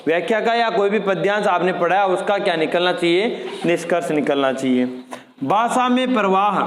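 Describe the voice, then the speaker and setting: High-voiced man teaching in an echoey room. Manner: explains step by step, repeats key terms as questions. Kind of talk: exam-prep lecture.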